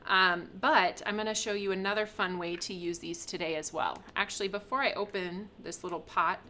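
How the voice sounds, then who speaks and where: A woman's voice: medium pitch, steady tone, a little fast, pushed and bright, a little hiss or hum. A woman hosting a live craft product reveal, chatty and upbeat, laughing often as she shows items. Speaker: craft shop host.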